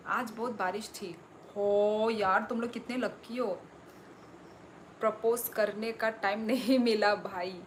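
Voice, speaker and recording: Here the same kind of casual stream: a young woman from Tripura, Northeast Indian accent, talking in a mid-range pitch as she reads comments from viewers and thanks them. The audio is poor, with slight noise behind her.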